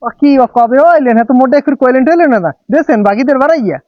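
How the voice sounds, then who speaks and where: An actor playing a chatty son-in-law just back from years abroad in a comic village drama. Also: male voice, extremely high pitch, animated, very fast, no echo. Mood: indignant. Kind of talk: comedic village drama acting. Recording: dull lo-fi audio, faint music.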